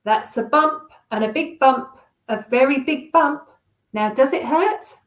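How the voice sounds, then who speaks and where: A woman's voice: high-pitched, unhurried. A woman voicing a tired, grumpy old nurse who mutters fretfully and barks orders. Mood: brusque. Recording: roomy echo.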